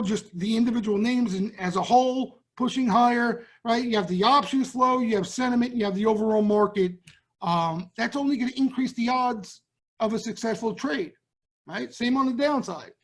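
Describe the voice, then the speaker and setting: A man's voice: very high voice, slightly rough. Chatty Brooklyn man talking markets. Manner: chatty, blunt, keeps checking in with "right?". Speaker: trading show host. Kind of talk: casual market talk to viewers.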